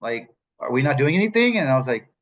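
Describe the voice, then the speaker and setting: A man's voice: medium pitch, very animated, fast. A man in his forties, a veteran speaking on a panel, candid and joking about his own experience. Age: 40s. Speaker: veteran peer support panelist. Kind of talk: casual panel talk.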